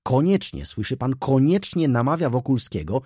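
A man voicing an excitable, pushy young male shop clerk in an audiobook, talking in a breathless, indignant way. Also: medium pitch, normal speed, breathy edge, no room sound, clean studio sound, pitched above the performer's own voice. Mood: excited.

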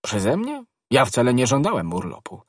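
A man voicing an anxious young musketeer who is a secretive lover, agitated and full of questions, in a husky voice. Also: medium pitch, expressive, normal speed, no room sound, clean studio sound.

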